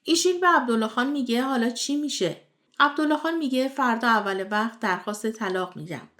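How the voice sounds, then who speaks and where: A woman with a fairly high voice tells the plot of a television drama. She reads from a script in a steady storyteller's manner and passes on each character's lines as reported speech. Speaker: series recap host. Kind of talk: scripted narration retelling a TV series.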